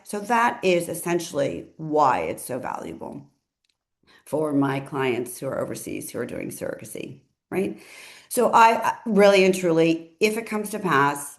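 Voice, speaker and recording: A woman attorney with a somewhat low voice talks through legal news as relaxed commentary. She speaks chattily, correcting herself mid-sentence and adding asides as she goes.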